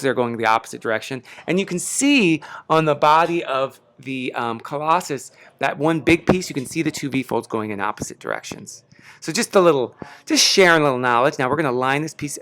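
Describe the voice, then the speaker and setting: A man's voice: fairly high pitch, fairly bright tone. A man hosting a casual step-by-step craft tutorial, chatty and enthusiastic, with slightly impeded articulation from a sore tongue. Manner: chatty, enthusiastic, self-deprecating. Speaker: craft lesson host. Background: background music.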